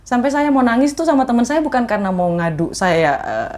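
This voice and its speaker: A woman guest telling a personal story in an interview, lively and climbing high when she quotes people. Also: a little fast, slight background noise. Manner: animated, rises high when quoting others.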